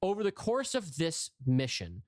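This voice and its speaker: A man's voice: on the high side, wildly swooping pitch, moderate pace, darkish tone, no echo, clean studio sound. A man co-hosting a podcast, casually recapping a story. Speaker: podcast co-host.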